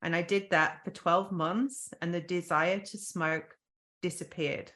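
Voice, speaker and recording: A woman's voice: lowish voice, steady tone, a little slow, fairly bright tone. A woman guest on a podcast, earnestly telling a personal story with frequent ums and restarts.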